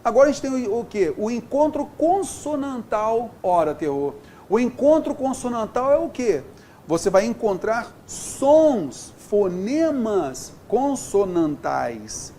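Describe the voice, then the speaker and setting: Speaking slowly in a very high-pitched voice, a Brazilian-accented man teaches Portuguese grammar step by step, with slight background noise. His manner is lively, and he constantly checks in using "beleza?" and "tá?".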